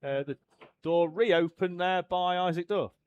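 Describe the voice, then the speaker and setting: A man giving live race commentary, briskly running through driver names and positions. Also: high-pitched, clear, resonant tone, muffled recording.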